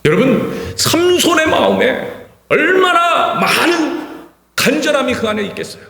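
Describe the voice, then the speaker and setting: A male pastor preaching an impassioned sermon in a church, repeating words for emphasis and swinging from hushed to shouting. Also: extremely high pitch, sing-song, measured pace, creaky. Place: church sanctuary. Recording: reverberant church hall.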